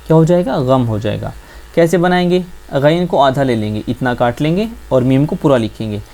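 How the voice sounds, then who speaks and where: A man teaching the Urdu script as a patient teacher, asking his listeners questions and answering them himself, repeating each point slowly. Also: on the high side, warm tone. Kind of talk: classroom-style script lesson.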